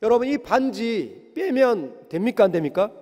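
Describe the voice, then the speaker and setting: A man's voice: high voice, big pitch swings, normal speed, darkish tone. A male pastor preaching a sermon, asking the congregation one rhetorical question after another. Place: church sanctuary. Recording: long reverb of a church sanctuary.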